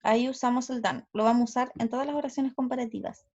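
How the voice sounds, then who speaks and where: A woman teacher with a Chilean Spanish accent explains grammar rules slowly and carefully, checking in with her students. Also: a little high, fairly even intonation, darkish tone. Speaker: English teacher. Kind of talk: recorded online grammar lesson. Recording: slightly dull lo-fi audio.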